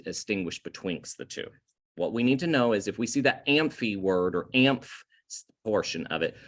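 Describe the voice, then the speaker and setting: A male chemistry teacher with a medium-pitched voice lectures over slides in a recording, explaining slowly, stressing key terms and correcting himself along the way.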